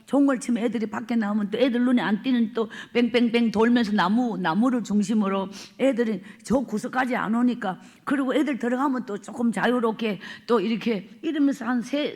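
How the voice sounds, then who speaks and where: A woman evangelist with a strong Gyeongsang accent tells her life story from the pulpit at a revival meeting. Her voice sits high, and she tells it dramatically, acting out scenes and sometimes sinking to a whisper. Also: darkish tone. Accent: Gyeongsang Korean. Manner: dramatic storytelling, acts out quotes, drops to whispers. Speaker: evangelist preacher. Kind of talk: revival sermon testimony.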